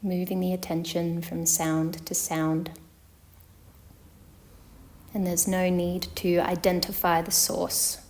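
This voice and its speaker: Long pauses separate the phrases of this woman as she leads yoga nidra like a meditation teacher. Her slightly low voice holds a flat, steady delivery, and her instructions come across calm and measured.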